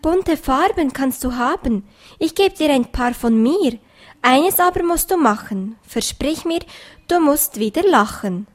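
Sweet gentle rainbow voice, lady doing it, soft and a bit high, storybook reading. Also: expressive, a little slow. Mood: soothing. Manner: soft and soothing. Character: kind, gentle singing rainbow.

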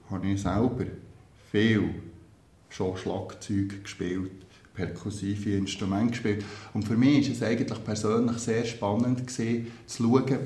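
A man's voice: on the low side, mellow. A man, a percussion teacher answering interview questions earnestly and thoughtfully, with small hesitations. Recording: roomy echo.

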